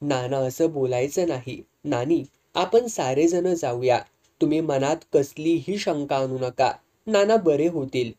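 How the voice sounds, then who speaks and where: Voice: mid-range voice, a little slow, mellow, close to an everyday voice. A storyteller voicing a young daughter, anxious and soothing toward her family. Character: worried caring young daughter, soothing and urgent.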